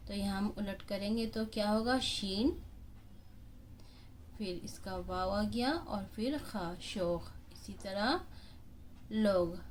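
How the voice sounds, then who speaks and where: A woman's voice: medium pitch, a little hiss or hum. A woman teacher who patiently walks young children through a lesson, spelling out letters one by one.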